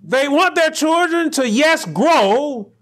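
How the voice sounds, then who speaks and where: A middle-aged man preaching a sermon from a pulpit in a small church room, building to near shouts on key lines. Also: very high-pitched, lively intonation. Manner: rising to near shouts on emphatic lines, slow deliberate phrasing. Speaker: pastor.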